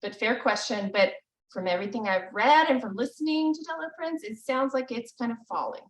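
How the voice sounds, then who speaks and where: A woman teaching a language lesson over a video call, patient and encouraging, often pausing with ums. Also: a little high. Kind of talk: live online language lesson. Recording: echoey, distant video call audio.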